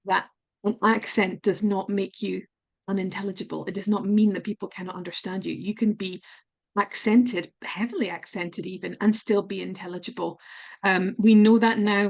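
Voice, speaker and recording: Here a pronunciation specialist from Scotland fields interview questions on an online call, her medium-pitched voice slightly mellow. She's earnest and open, sometimes chuckling at her own expense.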